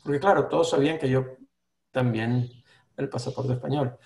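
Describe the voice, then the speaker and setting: An older man from Venezuela, a former footballer, looking back on his playing days. His mid-pitched voice hesitates, restarts and keeps stopping to clear his throat. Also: fairly even intonation, moderate pace, darkish tone. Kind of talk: casual recounting of anecdotes.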